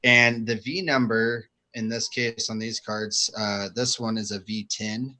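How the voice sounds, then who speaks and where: A man co-hosting a casual livestream chat over a video call. He talks excitedly and explains gear in long, rambling runs. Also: lowish voice, a little slow, rough recording. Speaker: show co-host.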